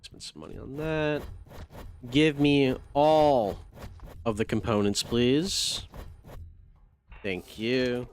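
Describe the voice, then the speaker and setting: A man doing casual live gameplay commentary, talking to himself in slangy, profane language with excitable outbursts. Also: mid-range voice, slow, long pauses. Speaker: game streamer. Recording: faint background noise.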